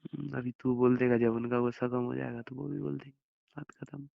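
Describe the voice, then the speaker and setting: Gravelly-voiced young man on a phone call. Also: medium pitch, level tone, brisk, no echo. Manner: affectionate, reassuring, rambling explanations. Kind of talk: intimate phone conversation. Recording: muffled phone call recording.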